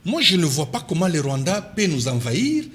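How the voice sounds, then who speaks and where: Speaking quickly and very animatedly, a Congolese-accented man gives an interview as a political commentator and party official. His voice is a little high and fairly bright, and he insists on his points, repeating them for weight.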